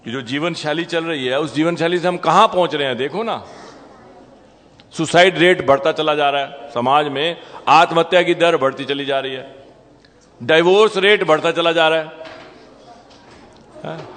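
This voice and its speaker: A man's voice: a little high, a bit bright, big-room sound. A man giving a Sunday sermon as temple lecturer, conversational and teasing the audience with questions. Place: temple hall.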